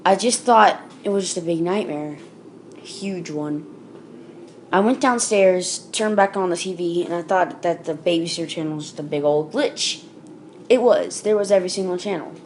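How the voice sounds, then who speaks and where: A woman's voice: on the low side, normal speed, slight background noise. A woman telling a creepypasta in a casual, unscripted way, with fillers and self-corrections along the way. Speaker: storyteller. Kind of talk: casual spoken creepypasta reading.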